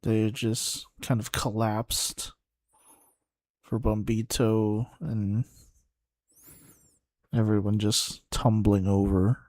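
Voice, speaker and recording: A man streaming a live watchalong, halting and thinking aloud as he reacts to the play. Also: lowish voice, level tone, darkish tone, dry recording, studio quality. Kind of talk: casual live match commentary.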